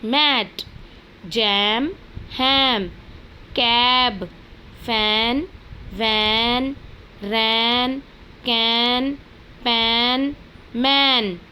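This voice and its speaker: Woman, teacher, high voice, very slow and drawn out, faint background noise. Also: fairly even intonation, sharp tone, rough recording. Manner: slow, drawn-out reading aloud of words for children to repeat. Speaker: primary school teacher. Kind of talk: online lesson for young children.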